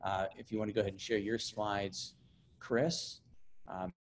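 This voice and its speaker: A man's voice: fairly low pitch, little pitch movement, a little slow, a little hiss or hum. A man hosting and informally moderating online presentations, with hesitant, repetitive phrasing. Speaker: event host.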